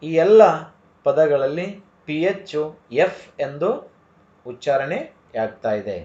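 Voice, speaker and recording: A man with a Kannada accent teaching English pronunciation, speaking slowly and repeating each word to drill it. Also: a little high, very animated, mellow. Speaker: English tutor. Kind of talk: slow spoken English lesson. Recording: echoey room, dull lo-fi sound.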